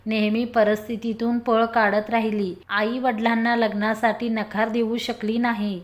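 Woman storyteller, steady scripted narration, fairly high voice. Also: unhurried.

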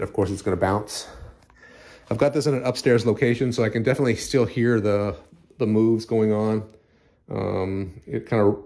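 A middle-aged man with a low, dark voice casually reviews a product at home, rambling, restarting often and repeating words. He's in a home practice room, filmed on a handheld phone camera.

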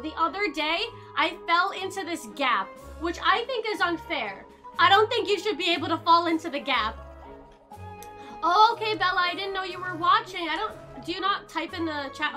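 A young woman streaming a game live, chatting with her viewers and reacting loudly to each round. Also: high voice. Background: game music.

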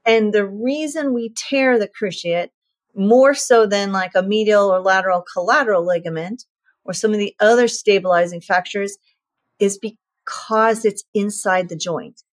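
A veterinarian in her fifties appears as an interview guest, explaining things clearly. Her voice is medium in pitch and moderately paced, and she uses vivid comparisons and repetition to drive points home.

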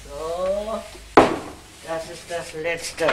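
A stubborn, shrewd cleaning woman with a low voice in a 1960s TV series. She talks in a dry, stubborn way while haggling. Loud noise sits under her voice. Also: drawn-out words. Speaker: cleaning woman, Frau Buchner.

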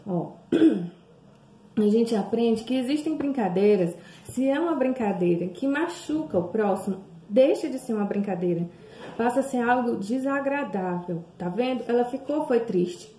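A Brazilian woman teaching young children, drawing words out slowly and sing-song, with many questions to the class. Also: mid-range voice, warm tone, slight background noise. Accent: Brazilian Portuguese. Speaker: primary school teacher. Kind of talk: remote lesson for young children. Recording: echoey room.

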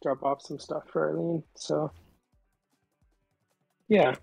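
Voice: mid-range voice, fairly even intonation, slow, gravelly, darkish tone, breathy edge, dry recording, faint music behind. A caller talking through a voice changer that disguises the voice, chatting casually on a call and rambling with lots of fillers. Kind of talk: casual phone chat.

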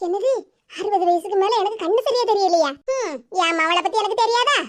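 A woman voicing a sharp-tongued village mother-in-law over sixty in an animated cartoon, speaking with a Tirunelveli Tamil accent. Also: very high-pitched, a little fast. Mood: scolding. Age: over 60 (figure). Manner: scolding, nagging. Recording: noisy cartoon audio track.

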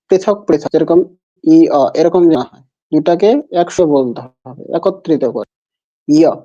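A man's voice: fairly high pitch, mellow. A man teaching the pronunciation of a sacred text. He repeats the syllables patiently for the learner to copy. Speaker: Vedic mantra pronunciation teacher. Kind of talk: pronunciation lesson. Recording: dull lo-fi recording.

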